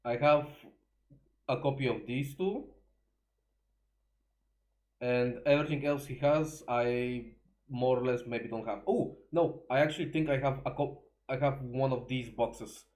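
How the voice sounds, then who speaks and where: A man's voice: mid-range voice, measured pace, pauses often, darkish tone. A man casually chatting through a reaction video, swearing freely and laughing as he goes.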